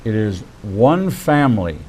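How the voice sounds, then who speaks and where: A man in his sixties hosting a faith-based interview, speaking in measured, preacherly phrases. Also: fairly low pitch, big pitch swings, a little mellow, slight background noise, low-quality recording. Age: 60s.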